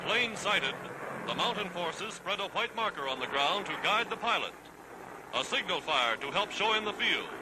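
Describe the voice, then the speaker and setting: A man's voice: high-pitched, big pitch swings, normal speed, very noisy. A man narrating a 1940s newsreel in a dramatic, declamatory, scripted style. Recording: vintage 1940s newsreel soundtrack, loud music. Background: loud music.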